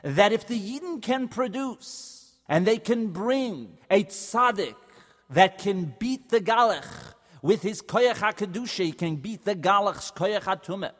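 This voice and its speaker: Male children's storyteller, high voice, expressive and dramatic, long reverb. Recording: long hall reverb, faint music.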